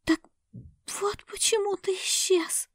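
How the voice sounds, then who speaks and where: A woman voicing a frightened young woman who is crying, with a very high, breathy, half-whispered voice. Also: fairly even intonation, takes it slowly, no room sound, studio quality. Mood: tearful.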